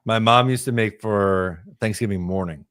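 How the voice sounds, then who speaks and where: A man co-hosting a casual sports podcast, talking in a halting way and often repeating words as he thinks. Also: lowish voice, a bit bright, clear, resonant tone, no echo, clean studio sound. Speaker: podcast co-host.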